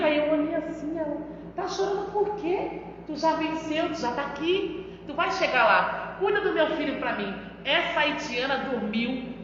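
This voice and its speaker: High-voiced woman preaching in echoey hall. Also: fairly bright tone, a little hiss or hum. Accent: Brazilian Portuguese. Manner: emphatic, addresses the pastor often. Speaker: missionary. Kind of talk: testimony preaching. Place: church hall. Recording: echoey church hall, dull sound.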